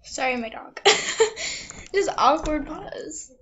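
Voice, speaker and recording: A high-pitched young woman chats slowly and giggles her way through a rambling home vlog, often poking fun at herself. The recording sounds a little muffled, with a faint hiss behind her voice. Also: big pitch swings, a bit bright. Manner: giggly and self-mocking. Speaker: vlogger. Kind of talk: rambling casual vlog chat. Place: at home with a dog nearby.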